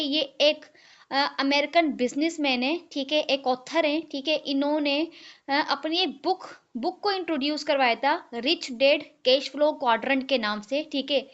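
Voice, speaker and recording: High-voiced woman leading an online training. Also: fairly bright tone, muffled recording. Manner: mixes English and Hindi, fills with "ठीक है"; slows down to spell out key terms. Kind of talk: live online training session. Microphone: video call.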